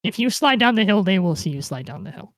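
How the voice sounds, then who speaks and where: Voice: medium pitch, lively intonation, fast talker, no echo, studio quality. A game master narrating a tabletop role-playing game in a conversational, explanatory way.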